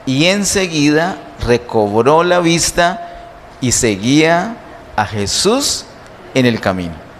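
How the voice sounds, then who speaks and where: A male pastor preaches in a fairly high voice, pausing to ask his congregation rhetorical questions. He speaks slowly and deliberately. The sound carries a long church reverb over a faint hiss. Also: big pitch swings. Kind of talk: sermon. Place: church sanctuary.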